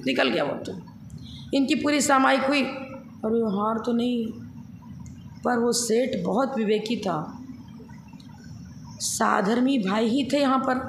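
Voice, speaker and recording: A woman's voice: fairly high pitch, gravelly, a little hiss or hum. A woman, a Jain nun, giving a sermon and telling a moral story, acting out the characters' dialogue. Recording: echoey hall with faint ambience.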